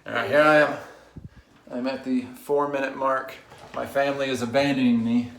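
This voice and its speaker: Echoey, gravelly man talking to camera. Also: mid-range voice, level tone, normal speed, fairly bright tone, slight background noise. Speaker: vlogger. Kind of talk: casual talk to camera. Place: small indoor bathroom, sitting in a tub. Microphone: phone set up away from him. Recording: very echoey room, distant phone mic.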